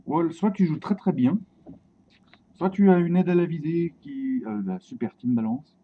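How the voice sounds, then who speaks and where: A man with a fairly high voice gives excitable live commentary on his gameplay, swearing and bantering with his viewers. The stream audio is dull and lo-fi, with faint noise underneath. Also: normal speed.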